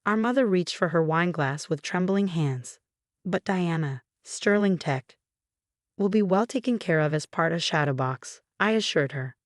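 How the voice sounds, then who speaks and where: Woman, very low voice, calm steady storytelling, dry close sound. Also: unhurried, no echo. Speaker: narrator. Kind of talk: first-person storytelling narration.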